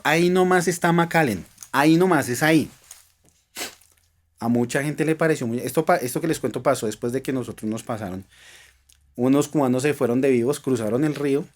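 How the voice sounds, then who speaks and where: A man from Colombia with a Colombian accent, a podcast guest earnestly telling a personal story and dropping to a soft voice at tense moments. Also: mid-range voice. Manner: earnest, emotional, speaks of faith, drops to soft tones at tense moments.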